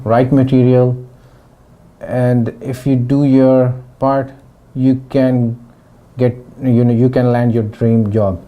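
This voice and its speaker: A middle-aged man from Pakistan, a former student, gives a testimonial interview about his training, speaking haltingly and restarting often. His voice is mid-range, and the audio has a phone-like quality.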